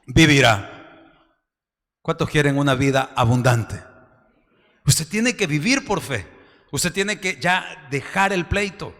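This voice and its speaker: A pastor preaching a sermon fervently, often dropping into a confiding tone. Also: male voice, high voice, sharp tone. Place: church hall. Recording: reverberant church hall.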